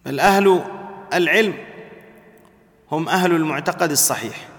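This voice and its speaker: A man delivering a religious lesson with a high-pitched voice. He talks in a measured, emphatic way and leans on repeated key words. His voice trails off into a long, echoing reverb. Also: fairly bright tone. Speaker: Islamic preacher.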